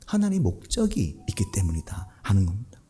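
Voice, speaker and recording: A male pastor delivering a sermon with a husky, mellow voice. His pitch leaps widely, dropping to hushed low asides and climbing to emphatic peaks. He keeps putting rhetorical questions to the congregation. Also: brisk, faint music behind. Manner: animated, swings between hushed low asides and raised emphatic lines.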